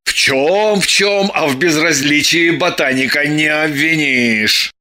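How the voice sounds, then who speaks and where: A man's voice: a little high, measured pace, pushed and bright. An actor playing a sardonic, exasperated young man who scolds with theatrical sarcasm in an audiobook. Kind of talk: audiobook dialogue.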